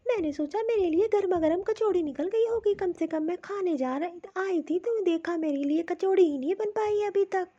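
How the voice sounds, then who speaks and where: Cartoon: woman doing a whiny spoiled daughter, very high, dark tone, lo-fi. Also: moderate pace, hardly any pauses. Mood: demanding. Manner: whiny, demanding. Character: spoiled young married daughter, demanding, whiny.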